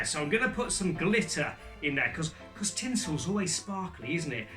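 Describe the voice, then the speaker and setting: A man's voice: high-pitched, bright, forceful tone. A man performing as a kids party magician, chatty and playfully bumbling, coaxing his young audience along with questions. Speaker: children's magician entertainer presenting a Christmas show. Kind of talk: kids' party magic show patter, chatty and interactive. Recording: distant microphone, music behind.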